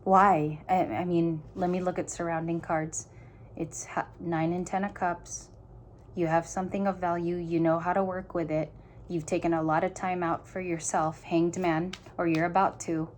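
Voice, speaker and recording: A woman with a fairly low voice talks through a tarot spread in a casual way. She muses aloud and breaks off and restarts her sentences. She speaks earnestly and directly to whoever is listening, with a faint hiss behind her. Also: flat delivery, normal speed. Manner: musing aloud, stop-start phrasing. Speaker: tarot reader. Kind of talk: casual tarot reading to viewers.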